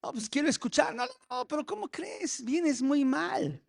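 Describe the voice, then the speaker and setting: A man voicing a stern church deacon who turns someone away in a high, quiet, dismissive voice. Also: expressive, unhurried, vocal fry, exaggerated voice.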